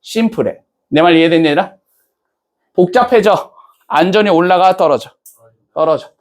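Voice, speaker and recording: In his English lecture, a man keeps things casual, checking on students and posing questions in a bantering style. He speaks in a high voice at a moderate pace.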